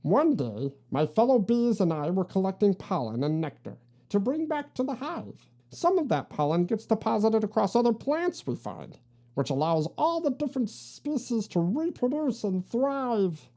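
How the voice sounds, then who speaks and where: A woman's voice: medium pitch, big pitch swings, normal speed, dark tone. A woman voicing a grandiose, scheming male bee king with a pompous, theatrical delivery in a comic storybook read-aloud. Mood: grand, self-justifying.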